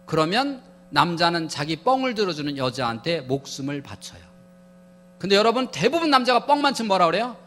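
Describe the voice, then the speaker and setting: Animated, high-pitched man lecturing humorously. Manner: animated, playful, acts out quotes.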